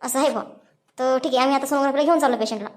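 A woman voicing a calm female hospital doctor in a cartoon story, explaining patiently. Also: high-pitched, rapid-fire, lightly acted.

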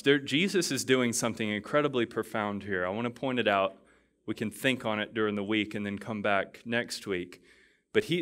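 Man, pastor, sermon, mid-pitched voice, conversational with restarts, builds to emphatic peaks. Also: fairly bright tone. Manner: builds to emphatic, rising intensity on key phrases; conversational asides with fillers and restarts. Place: church.

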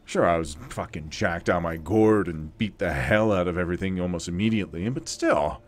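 Deep-voiced laid-back gaming commentator. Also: male voice, brisk. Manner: chatty, laughing, swearing, rambling. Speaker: let's play host. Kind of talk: casual gameplay commentary.

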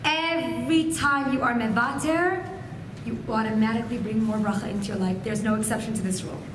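A Persian-family woman in her thirties whose native tongue is Farsi gives an inspirational keynote to women, talking a little fast in a slightly high voice. She gestures expressively while using a stand-mounted podium microphone. The indoor hotel function room adds echo, and background noise is audible.

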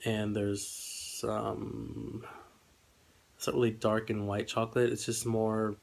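In a small room indoors at home, a young man chats through a casual eating vlog, hesitant and rambling. His voice is on the low side, gravelly, darkish, and slightly congested, with little pitch movement and a slow pace.

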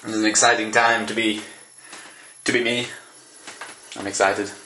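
A woman's voice: rumbling low, flat delivery, moderate pace, sharp tone, slight background noise. A woman chatting playfully into a camera in a bedroom, narrating her friend like a nature documentary. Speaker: vlogger. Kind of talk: casual vlog chat.

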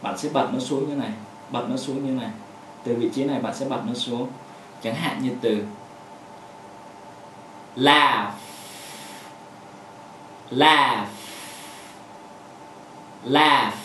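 A man who speaks Vietnamese natively teaches pronunciation, talking in halting stretches full of fillers and repeating each example word. His voice sits mid-range for a man. He sounds a little distant, in an echoey room with faint background hum. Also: medium pitch, fairly even intonation, a little mellow. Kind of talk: explaining a lesson with hand demonstrations.

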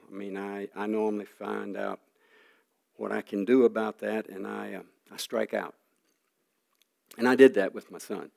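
An older man giving an earnest sermon testimony, telling a personal story with halting restarts and frequent throat clearing. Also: on the low side. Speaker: preacher.

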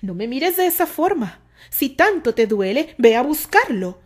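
A woman's voice: high-pitched, sing-song, moderate pace, voice pushed up. A woman voicing a stubborn, spirited young woman in a storybook romance. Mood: angry. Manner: cries out.

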